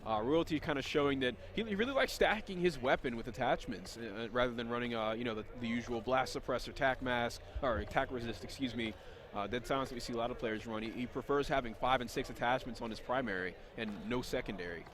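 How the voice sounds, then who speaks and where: A man doing live play-by-play commentary on a competitive video game match, energetic and quick, sometimes correcting himself mid-sentence. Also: mid-range voice, crowd noise. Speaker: esports commentator.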